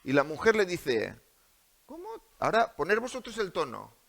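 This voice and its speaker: A man's voice: fairly high pitch, sing-song, fairly quick, vocal fry, a bit bright. A male preacher with a Spanish accent delivering a sermon in a church, asking the congregation many rhetorical questions. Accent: Spain.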